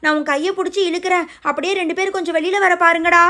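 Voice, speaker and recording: Woman doing frazzled mom, high bright voice, rattles along fast. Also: fairly even intonation. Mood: flustered. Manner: fretful, exclaiming. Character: flustered mother of young boys. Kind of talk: doll-video voice acting.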